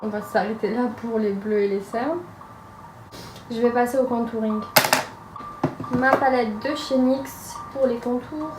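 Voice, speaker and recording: A woman's voice: fairly high pitch, steady tone, unhurried, pauses often. A young woman from France narrating a casual makeup tutorial, chatty and hesitant with frequent fillers, in a room at home. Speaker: makeup vlogger. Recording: roomy echo with music behind.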